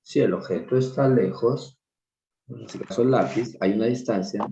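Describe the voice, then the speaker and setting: A man teaching an online English class, explaining slowly and patiently with repeated examples. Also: lowish voice, vocal fry, dark tone, echoey room, lo-fi sound, a little hiss or hum. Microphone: video call.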